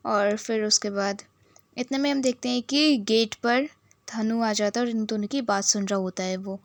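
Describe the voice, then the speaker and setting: A woman's voice: fairly high pitch, normal speed, no room sound, clean studio sound. A woman retelling a drama series in casual storytelling narration, lifting her voice for quoted lines. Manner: lively, switches into quoted lines with a lifted voice.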